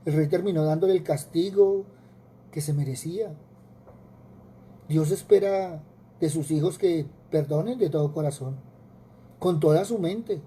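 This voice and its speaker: A man's voice: fairly high pitch, mellow, slight background noise. A man with a Colombian Spanish accent preaching a sermon, earnest, with repetitions and rhetorical questions.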